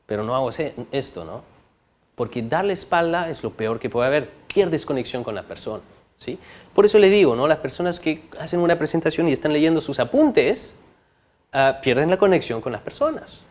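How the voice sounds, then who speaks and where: Hombre animado dando una clase de oratoria. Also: male voice, fairly high pitch, normal speed. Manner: animated, frequent tag questions, varies loudness for effect. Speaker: course instructor. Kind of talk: recorded lecture on public speaking.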